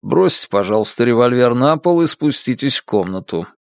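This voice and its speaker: A man reading aloud and voicing a steady police detective who talks in a firm, reassuring way. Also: medium pitch, moderate pace, gravelly, dry recording, clean studio sound. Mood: steady urgent.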